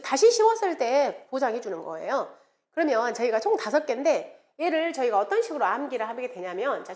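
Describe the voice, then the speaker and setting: A woman's voice: fairly high pitch, darkish tone. A middle-aged woman instructor giving an online exam prep lecture, repeating key words and chanting playful memory aids.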